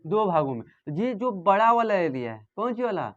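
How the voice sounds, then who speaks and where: High-pitched guy with a teaching math, keeps quizzing the class, dull lo-fi audio. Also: very animated, moderate pace. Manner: asks students questions and repeats answers. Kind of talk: classroom lesson. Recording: dull lo-fi sound.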